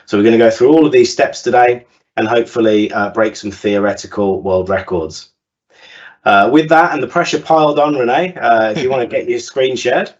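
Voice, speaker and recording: A man's voice: medium pitch, normal speed. A man hosting a webinar, upbeat and presenting with frequent fillers. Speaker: webinar host. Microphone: video call. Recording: lo-fi webinar call audio.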